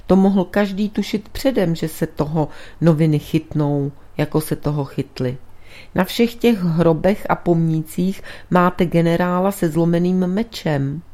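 A woman voicing a burly, blunt man who answers with gruff, skeptical retorts in a storybook reading. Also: lowish voice, mellow, lightly acted. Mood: scoffing. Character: burly blunt male companion, skeptical and impatient.

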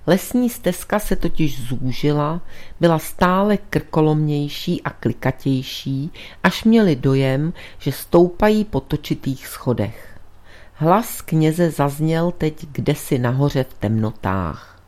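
A woman reads a literary story aloud in a measured, unhurried storytelling manner. Her voice sits very low for a woman, deep and steady through the narration. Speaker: audiobook narrator. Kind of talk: scripted narration.

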